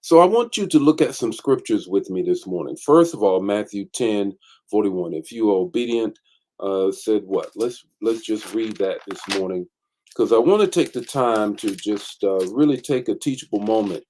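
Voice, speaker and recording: A bishop greeting viewers one by one. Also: male voice, lowish voice, lively intonation, moderate pace, dark tone. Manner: greets viewers by name, many fillers. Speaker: bishop and teacher. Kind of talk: online morning sermon.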